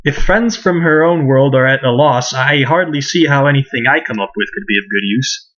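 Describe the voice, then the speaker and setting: A man's voice: medium pitch, normal speed, a bit bright, pitched above the performer's own voice, natural voice. A man voicing a polite young prince who speaks courteously and formally in a fan voice-over of game dialogue. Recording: muffled lo-fi mic.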